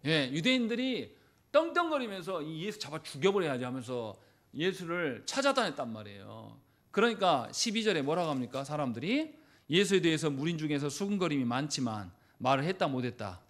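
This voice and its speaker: A man pastor, delivering a Sunday sermon in a church. His voice sits a little high and swings widely in pitch. He acts out quoted speech with sudden loud bursts. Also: fairly quick. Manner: lively preaching, acting out quoted lines with sudden loud bursts. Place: church sanctuary.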